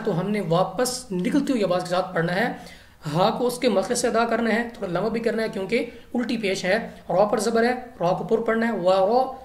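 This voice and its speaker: Woman teacher calmly explaining recitation rules one by one, roomy echo, middle pitch. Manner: patient, step-by-step explaining of pronunciation rules. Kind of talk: recitation lesson. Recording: echoey room.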